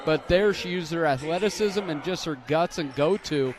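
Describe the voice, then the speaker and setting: A man's voice: a little high, moderate pace, crowd noise. A man giving color commentary on a basketball game, explaining strategy in an analytical, coaching way. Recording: broadcast with loud gym noise behind.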